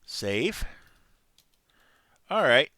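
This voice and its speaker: A man's voice: medium pitch, big pitch swings, very slow, pushed and bright, dry recording. A man playing a video game, reading its text aloud and adding casual muttered asides. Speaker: gameplay commentator.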